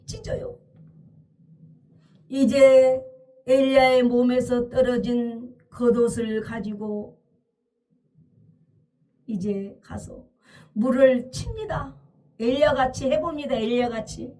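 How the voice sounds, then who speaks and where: Woman preacher, high voice, slow and dramatic, mic kinda far away. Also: fairly even intonation, mellow. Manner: emphatic, often cries out hallelujah. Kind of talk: dramatic storytelling sermon.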